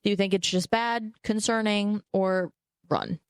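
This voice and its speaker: A woman's voice: medium pitch, measured pace, smooth, dry recording, studio quality. A woman in her twenties co-hosting a podcast, telling stories in casual chat and laughing often. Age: 20s. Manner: animated storyteller, laughs often. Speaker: podcast co-host.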